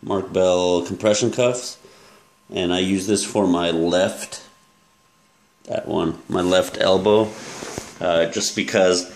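A man in his thirties, a fitness coach, casually walking through his gym bag in a relaxed, rambling way with many fillers, filmed at arm's length in a small room. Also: low voice. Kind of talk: casual gear walkthrough vlog. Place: small room with yellow walls, indoors. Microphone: handheld camera at arm's length.

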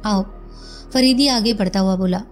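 A woman narrating a detective story in a steady, formal reading voice. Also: mid-range voice, moderate pace, soft background music.

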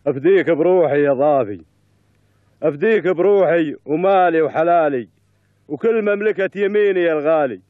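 An actor playing an emotional, courteous old Bedouin sheikh, speaking effusive, formal Bedouin Arabic in a television drama. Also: male voice, on the high side, normal speed, no room sound, close to an everyday voice. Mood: anguished love. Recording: dry, phone-like sound.

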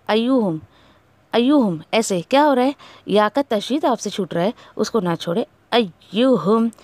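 A woman teacher with a somewhat high voice works through recitation rules. She repeats sounds slowly and patiently to model each one. The recording is dry, with no room sound. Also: no room sound. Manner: corrects pronunciation, repeating syllables slowly to demonstrate. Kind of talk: tajweed lesson.

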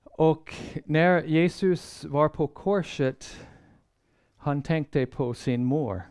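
A man giving a sermon-style Bible lecture, measured and earnest, pausing often and restarting phrases as he thinks. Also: a little high, darkish tone, clear, resonant tone. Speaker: Bible seminar speaker.

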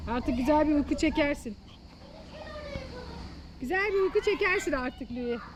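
A woman hosting a family vlog outdoors by a pool, coaxing and calling to her dog in a lively way. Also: high voice. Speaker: mother and vlog host. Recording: noisy outdoor recording.

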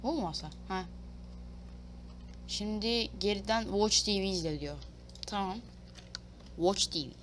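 A woman chats her way through a video game, reading prompts aloud and cursing playfully as she goes. Her pitch sits at an ordinary middle for a woman. A faint hiss and the click of a keyboard run underneath. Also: measured pace, long pauses. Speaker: gaming YouTuber. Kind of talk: casual let's-play commentary.

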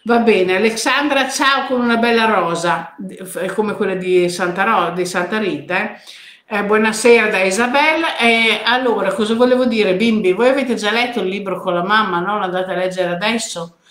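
A woman's voice: medium pitch, normal speed, a bit bright, echoey room. An older woman from hosting a live stream, chatting casually and greeting viewers by name. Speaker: host of a weekly live stream. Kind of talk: casual live chat reading viewer comments.

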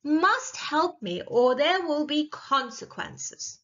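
A spoiled young fairy-tale princess, acted out by a woman narrator, haughty and demanding. Her voice is high and swooping, plaintive yet full of entitled insistence. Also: animated, takes it slowly, sharp tone, lo-fi sound, heavily acted.

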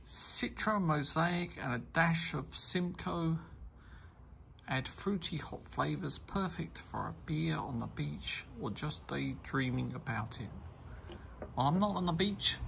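Male beer reviewer, deep-fried gravelly voice, unhurried casual chat, light hiss behind. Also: lively intonation, pushed and bright. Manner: rambling, enthusiastic tasting remarks.

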